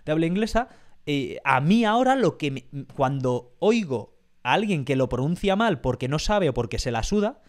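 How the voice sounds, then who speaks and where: A man with a Spain Spanish accent talking on his podcast in a loose, chatty way. His voice sits a little high for a man, and he winds around his point with plenty of fillers and false starts. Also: big pitch swings, normal speed. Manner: rambling, many restarts and fillers. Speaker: podcast host. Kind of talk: casual podcast chat.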